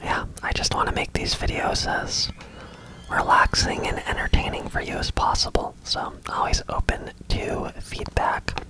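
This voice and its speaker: A person whispering softly and casually in a breathy, unvoiced voice as an ASMR gaming host. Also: normal speed, low-quality recording. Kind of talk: whispered ASMR game commentary.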